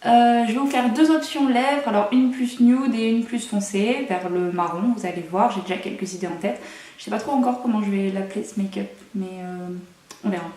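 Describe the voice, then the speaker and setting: A woman's voice: medium pitch, brisk, mellow, recorded from a distance. A young woman chatting through a makeup tutorial at home, with playful, self-mocking asides. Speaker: beauty vlogger. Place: room at home. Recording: echoey room, mic set away.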